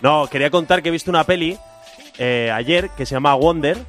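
A man's voice: a little high, fairly bright tone, soft background music. A man joking and rambling as a comedian panelist on a radio show, talking into a studio microphone. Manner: jokey, rambling, quick to laugh.

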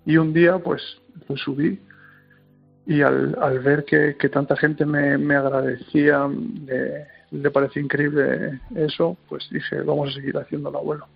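A young man with a slightly high, gravelly, husky voice speaks as an interview guest. He tells his story casually and hesitantly, restarting his sentences as he goes. Faint music sits behind him. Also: flat delivery, unhurried, highs cut off. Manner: hesitant, many restarts, emotional.

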